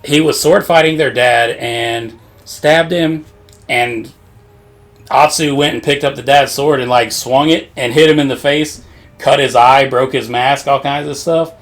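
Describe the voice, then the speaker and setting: A man's voice: mid-range voice, fairly even intonation, measured pace, fairly bright tone. A man casually recapping a video game story, rambling with lots of swearing and frequent laughter. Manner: rambling, profane, laughs often. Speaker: podcast co-host.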